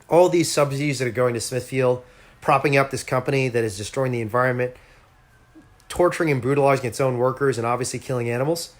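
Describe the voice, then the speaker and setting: An animal rights activist speaks earnestly and persuasively on a casual home livestream, addressing his viewers directly. His voice is mid-range and a bit bright, picked up by a phone or laptop.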